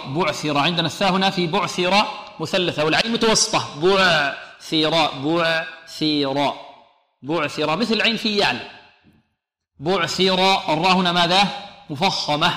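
Man teaching Quran recitation, bright and echoey. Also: a little high. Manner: asks questions and answers them, repeats sounds slowly to demonstrate. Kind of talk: tajweed lesson with recited demonstrations.

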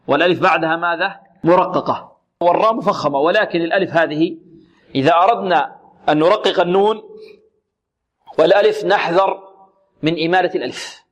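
A man teaching Quran recitation rules on a radio program. He asks questions and answers them himself, and he demonstrates letters slowly with repetition. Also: fairly high pitch. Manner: demonstrates sounds slowly and repeats words. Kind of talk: tajweed lesson on an Islamic radio program.

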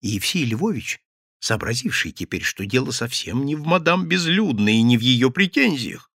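A male audiobook narrator reading classic satire with theatrical, animated delivery. His voice is bright and gravelly, rising and falling a great deal, in a dry, close recording. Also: medium pitch, moderate pace, dry recording.

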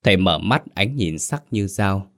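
Deep-voiced man narrating a horror story. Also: lively intonation, measured pace, fairly bright tone.

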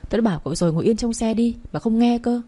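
Woman doing a nervous pleading young man, husky, storybook voice. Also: fairly high pitch, racing, mellow, pitched above the performer's own voice, close to an everyday voice. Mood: warning. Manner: pleading, fretful. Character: anxious fond young man, easily scared.

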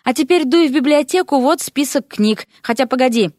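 A woman voicing a bold, witty young sorceress student, speaking brisk and matter-of-fact. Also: high voice, a little mellow, dry recording, studio quality, pitched above the performer's own voice, lightly acted.

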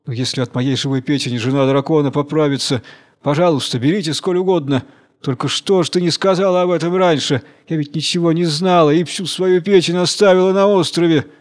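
A crafty female monkey from a storybook tale taunts in a raised, lively voice, as a male narrator puts her on. She is quick-witted and scornful. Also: natural voice. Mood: feigned helpful. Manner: taunting, higher-pitched. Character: clever sly female monkey, mocking.

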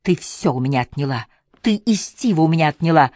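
A reader voicing a furious shouting young husband. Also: male voice, fairly high pitch, lively intonation, brisk, no room sound, studio quality, lightly acted. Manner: shouting, accusing, sneering.

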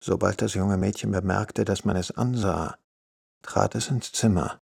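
A man narrating a literary radio play in an even, measured way. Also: deep voice, gravelly, slightly rough, dry recording, clean studio sound.

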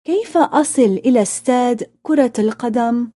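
Female phrasebook reader, high-pitched and mellow, deliberate lesson delivery. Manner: deliberate repetition-drill delivery. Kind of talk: scripted phrasebook narration.

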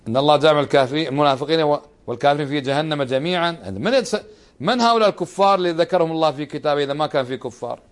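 A middle-aged man giving a religious lesson, pressing his points with rhetorical questions and repetition. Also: on the high side. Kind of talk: religious lesson explaining a text.

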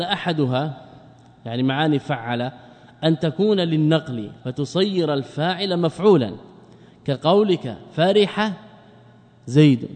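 A man's voice: fairly high pitch, a little mellow, big-room sound. A male sheikh teaching a grammar lesson, often asking and answering his own questions and repeating words for emphasis. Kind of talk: classroom lecture on Arabic grammar.

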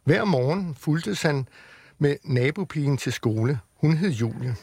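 A man on the radio, reading a children's book aloud with lively storytelling in a studio. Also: fairly high pitch, breathy edge, no echo. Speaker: radio reader.

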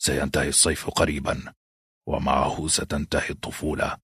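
A grave, brooding lord voiced by a man in an audiobook, very deep and slow. His speech is heavy and troubled. The husky voice sits close and dry. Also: little pitch movement, fairly bright tone, no room sound, heavily acted. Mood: resigned.

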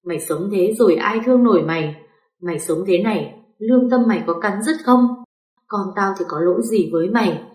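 A woman's voice: medium pitch, brisk, echoey room, close to an everyday voice. A woman voicing a furious young wife who hurls insults in a raised voice. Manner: shouting insults.

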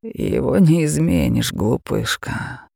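A man voicing a gravelly, menacing dragon. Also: medium pitch, big pitch swings, warm tone, no room sound, studio quality, heavily acted. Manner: slow, growling, sneering. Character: huge menacing male dragon, cruel and mocking. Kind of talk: audiobook acting.

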